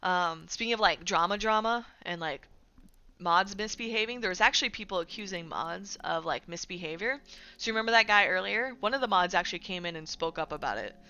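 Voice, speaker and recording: A lowish, bright and forceful female voice comes through fairly quickly, with the highs cut off. She's a streamer chatting casually to her audience during a livestream, filling her talk with fillers and constantly asking "right?"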